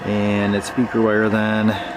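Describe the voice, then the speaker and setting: In a slow, monotone, low voice, a radio hobbyist casually narrates how he picks up shortwave signals, thinking aloud along the way. Heavy background noise fills the amateur camera recording.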